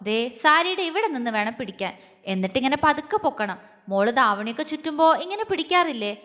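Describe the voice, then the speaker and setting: A woman's voice: high voice, big pitch swings, quick pace, bright, forceful tone, in a large hall, full character voice. A woman voicing an older husband who teases and scolds his young wife but coaxes her tenderly. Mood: doting. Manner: teasing, scolding, then coaxing. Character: older husband, teasing, stern yet doting.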